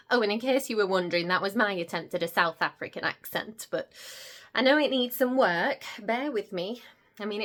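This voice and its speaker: An actress playing a gossipy, excitable young vlogger, gushing and gasping as she talks in a comedic monologue. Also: medium pitch. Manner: gushing, gossipy, breathless gasps and squeals.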